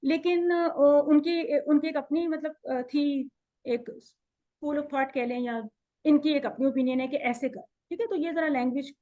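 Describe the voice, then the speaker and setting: Woman, high pitch, patient teacher, slow pronunciation drills, muffled call audio. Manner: explanatory, drills pronunciation slowly. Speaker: Arabic teacher. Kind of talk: online class lesson. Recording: dull lo-fi audio.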